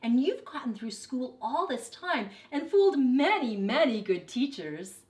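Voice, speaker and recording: A woman voicing a kind, gentle male schoolteacher in a children's picture book, speaking earnestly and reassuringly. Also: sits high, big pitch swings, unhurried, pitched above the performer's own voice. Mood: tender, reassuring.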